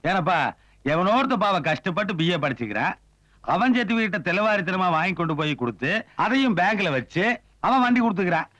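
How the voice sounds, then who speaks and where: A man's voice: sits high, sing-song, a little fast, a bit bright, dry recording. A man in a comedy sketch, scolding and questioning the other with sarcasm.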